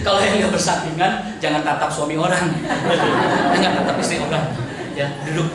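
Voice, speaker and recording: High-voiced Indonesian pastor in an echoey hall. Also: male voice, normal speed, very noisy. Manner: jokey, animated, calls out to the congregation. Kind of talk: lively sermon to a congregation. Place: church hall. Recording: echoey church hall, mic at a distance.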